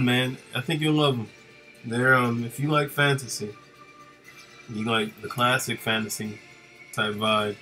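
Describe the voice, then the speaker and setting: Laid-back low-voiced man chatting on stream. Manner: relaxed and rambling, many fillers and "man". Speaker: artist live-streaming while drawing. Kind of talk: casual chat with live-stream viewers.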